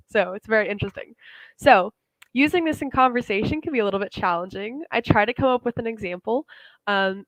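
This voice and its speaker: A woman's voice: medium pitch, no room sound, low-quality recording. A young woman teaching slang in an online lesson, in a casual, chatty way full of fillers. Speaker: English teacher.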